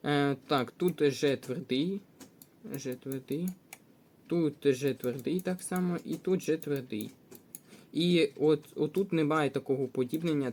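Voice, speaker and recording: A man's voice: mid-range voice, a little mellow, slight background noise. A man with a Ukrainian accent, working through test answers as a teacher, methodical and thinking aloud with frequent hesitations. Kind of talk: test walkthrough lesson.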